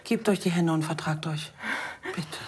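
A woman's voice: on the high side, expressive, normal speed, echoey room, noisy background, close to an everyday voice. An actress playing a matter-of-fact, no-nonsense village woman in a scripted TV comedy-drama. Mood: brusque.

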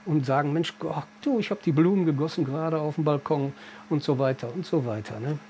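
Male interviewee, slightly high voice, faint background noise. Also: brisk, dark tone. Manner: colloquial, with tag questions. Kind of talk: emotional interview.

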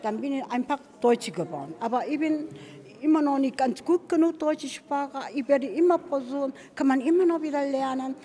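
An older woman with a Korean accent speaks in a high, mellow voice. Her German is halting and imperfect but cheerful, and it rings in a reverberant room. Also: expressive, a faint crowd. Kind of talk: interview statement.

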